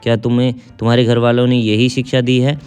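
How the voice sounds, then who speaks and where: A man's voice: mid-range voice, flat delivery, quick pace, a little mellow, clean tone, faint music behind, lightly acted. A man voicing an indignant young husband who scolds his wife for making his sick mother work. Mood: scolding.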